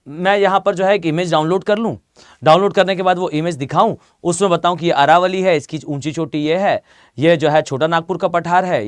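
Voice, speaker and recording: A man's voice: a little high, no room sound, studio quality. A male geography teacher giving a live exam-prep lecture in a conversational, repetitive way with many fillers. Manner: conversational, repeats himself, lots of fillers.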